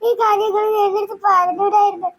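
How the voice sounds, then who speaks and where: A woman doing a tearful, very high cartoon girl. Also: flat delivery, fast talker, a bit bright. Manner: tearful, pleading, reproachful. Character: hurt young girl left out by her family. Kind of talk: cartoon voice acting.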